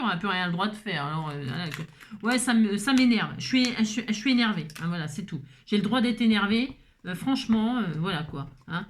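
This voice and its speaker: A woman hosting a casual scrapbooking tutorial, chatting with rambling asides and lots of fillers. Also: medium pitch. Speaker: craft tutorial host.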